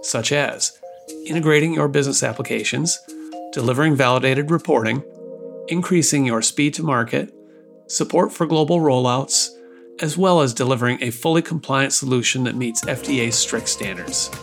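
A man hosting a podcast, reading sponsor spots and then chatting with his guest in a relaxed way. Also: medium pitch, gravelly, faint music behind. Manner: brisk ad reading, relaxed chat with fillers. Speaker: podcast host. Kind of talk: read ads, then casual interview.

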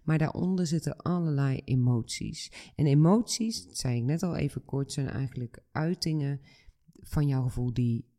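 Kalme man met een krakerige, donkere stem. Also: mid-range voice. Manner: calm, slow and addressing the listener directly. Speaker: podcast host and coach. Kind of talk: reflective podcast monologue.

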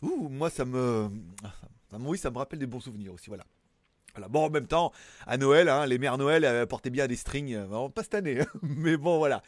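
Speaking quickly and expressively at a medium pitch, a man hosts a casual tech news show on YouTube from his home in Thailand. The recording has no room sound, and his chat to camera rambles along with plenty of fillers and jokes at his own expense.

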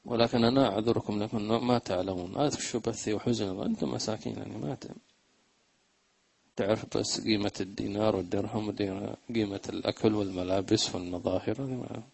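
A man giving a religious lesson, chanting lines of verse slowly and then explaining them in quick, plain talk. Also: lowish voice, creaky, a little mellow, husky, rough recording. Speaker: religious teacher.

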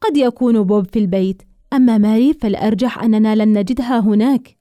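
A woman voicing a sly young man who speaks softly and knowingly. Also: on the high side, quick pace, dry recording, natural voice. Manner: soft, knowing, chuckling.

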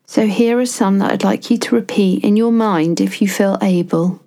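A woman guiding a self-compassion meditation, speaking softly and soothingly with long pauses between phrases. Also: mid-range voice. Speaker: meditation guide.

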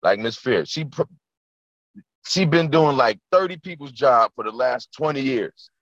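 An earnest, emphatic man comes through an online conference call that sounds dull and dry, with no room sound around him. His voice is bright and pointed, and he drives his points home by repeating key phrases. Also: mid-range voice, animated, unhurried, dry recording. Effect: heard over an online conference call. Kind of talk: impassioned group discussion. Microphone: computer or phone mic on a video call.

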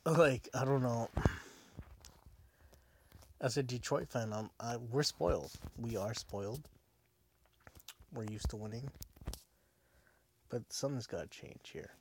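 A man's voice: mid-range voice, measured pace, pauses often, noisy background. A drunk man hosting a casual sports podcast alone, rambling, repeating himself and swearing. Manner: rambling, profane, repetitive. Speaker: podcast host.

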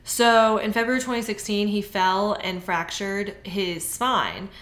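A woman's voice: mid-range voice, measured pace, a bit bright. A woman casually telling a story on a podcast, swearing often and acting out the people she quotes. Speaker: podcast co-host. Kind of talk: casual chat. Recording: echoey room.

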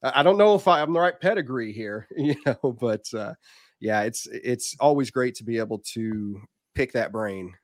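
A man's voice: medium pitch, normal speed, no room sound, clean studio sound. A man with a southern Indiana accent near the Kentucky border, chatting casually and candidly as a podcast guest. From southern Indiana, United States. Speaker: podcast guest, reptile business owner.

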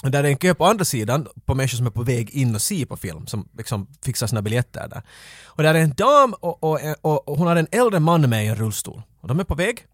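Animated man telling a story. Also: medium pitch, dry recording, clean studio sound. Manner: animated, rambling with restarts. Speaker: podcast co-host. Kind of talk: casual chat, storytelling.

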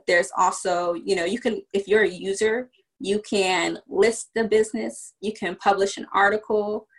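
Gravelly with a breathy edge, her medium-pitched voice still carries a fairly bright tone. She's a business founder from Virginia chatting on a casual podcast, laying out her explanations step by step amid frequent fillers.

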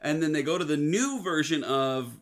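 A man appearing as a podcast guest, rambling through a rapid plot recap in casual chat. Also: fairly high pitch, lively intonation.

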